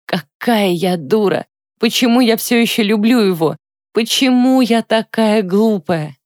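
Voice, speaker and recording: A woman's voice: mid-range voice, a little slow, a little mellow, dry recording, clean studio sound, pitched above the performer's own voice, natural voice. Woman voicing a weeping woman near forty. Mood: self-reproaching. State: crying, trembling voice.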